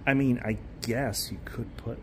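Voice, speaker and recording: Unhurried and mid-pitched, a man narrates a casual walking vlog of a stadium tour on his phone, rambling with enthusiasm and correcting himself as he goes. Faint outdoor ambience and the occasional passing vehicle are audible.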